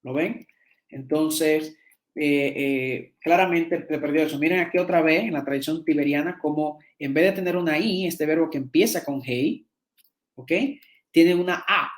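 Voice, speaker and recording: A man's voice: fairly high pitch, normal speed. A man teaching a seminar, explaining slides and often repeating and restarting words as he checks in with his listeners. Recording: echoey room.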